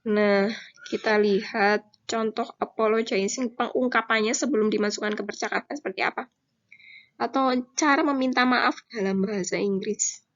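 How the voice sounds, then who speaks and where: A woman English teacher with an Indonesian accent, giving a recorded online lesson, reading English phrases slowly and then explaining them in Indonesian. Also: on the high side, a bit bright, lo-fi sound.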